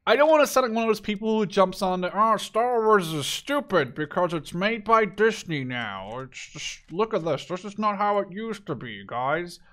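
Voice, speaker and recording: High and a bit bright, this man's voice belongs to a Canadian in his twenties who makes gaming videos. He talks casually and off the cuff over his gameplay, rambling, cursing freely and offering his opinions.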